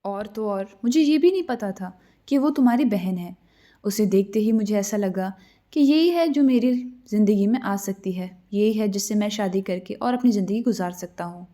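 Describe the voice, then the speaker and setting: A woman's voice: medium pitch, dark tone, close to an everyday voice. Woman telling a story as an earnest lovesick king. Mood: earnest, pleading. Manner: pleading, earnest.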